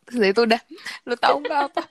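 A woman's voice: on the high side, fast, no echo. A young woman telling a rambling story in casual chat, laughing between filler words.

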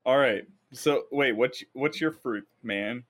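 A man's voice: medium pitch, takes it slowly, fairly bright tone. A young man hosting a casual podcast over Discord, swearing freely and laughing often. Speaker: podcast host.

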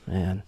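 A man doing a stand-up set, telling exasperated, profane stories with animated outbursts. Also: high voice, highs cut off. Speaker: stand-up comedian.

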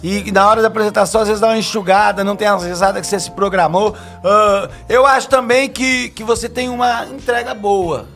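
A man's voice: sits high, a little fast, few pauses, fairly bright tone, faint music behind. A Brazilian man with a Brazilian Portuguese accent, judging a comedian's set in a blunt, joking, casual way. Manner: blunt, joking, loose and profane. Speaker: show judge.

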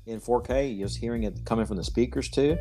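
A man co-hosting a casual podcast, talking with excitement about a film and often calling his friend "man". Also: mid-range voice, fairly quick, music in the background. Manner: enthusiastic, says "man" a lot, acts out movie lines. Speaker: podcast co-host. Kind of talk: casual chat.

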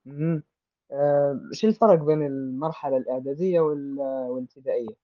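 A man with a Libyan Arabic accent, hosting a casual interview and gently drawing answers out of young guests. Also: mid-range voice, fast talker, dry recording, muffled recording.

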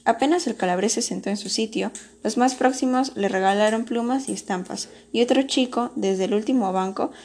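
A woman narrating an audiobook story in a steady, measured storytelling manner. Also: a little high.

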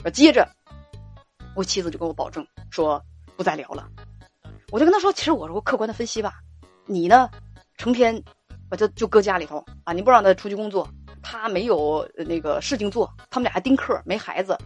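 A hoarse woman telling caller stories in a lively, mocking way, quoting them as she goes. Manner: animated, mocking, quotes callers in a lowered voice. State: hoarse from a sore throat. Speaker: radio-style advice host. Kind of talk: casual storytelling monologue.

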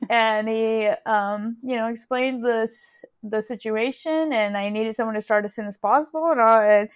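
Chatty and quick to laugh, with plenty of fillers, this podcast co-host in her twenties from California takes part in a casual conversational interview as interviewee. She speaks at normal speed in a smooth, fairly high voice.

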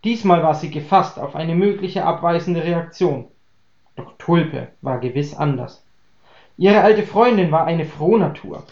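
A man reading a German story aloud in a calm, even audiobook voice. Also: a little high, unhurried. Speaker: story reader. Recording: roomy, dull lo-fi recording.

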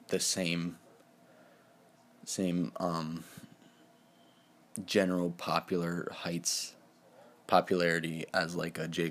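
An eighteen-year-old man talks on his own in a loose, rambling way, circling back with fillers and restarts. His voice sits very low and stays flat, with little rise or fall. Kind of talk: casual solo talk.

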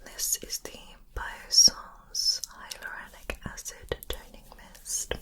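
Female, whispered role-play as spa therapist: soft soothing whisper, crisp bright edge, unhurried and gentle. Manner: gentle, attentive personal-care instructions.

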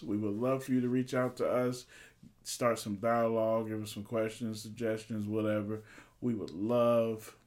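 A man's voice: lowish voice, a little mellow. A man co-hosting a relationship podcast, talking casually and informally, joking with his partner. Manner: laid-back, joking, informal. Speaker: podcast co-host.

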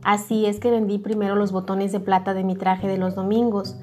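A woman voicing a kindly, humble young gardener who speaks gently and gratefully in a storybook reading. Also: mid-range voice, flat delivery, fairly quick, soft background music, lightly acted. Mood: gentle. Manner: gentle, grateful, soft-spoken.

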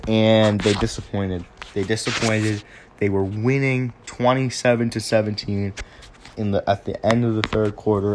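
A man's voice: on the low side, a little mellow. A young man hosting a casual sports podcast, recapping games off the cuff, with frequent restarts and stumbles. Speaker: podcast host.

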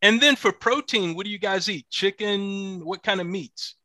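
A man's voice: high voice, normal speed, bright, forceful tone, no room sound. A man hosting a podcast interview, asking short questions in a casual tone. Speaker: podcast host.

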